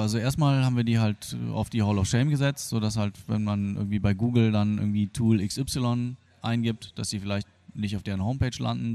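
Speaking in a fairly low pitch with a dark tone, a free software developer gives unscripted, explanatory interview answers. He was born in Argentina, grew up in Germany, and talks in a colloquial, hesitant manner.

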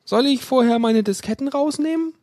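A man's voice: very high voice, normal speed, a little mellow, no room sound, clean studio sound, pitched above the performer's own voice. Man voicing a flustered young woman on the phone. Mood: worried. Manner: anxious, easily alarmed.

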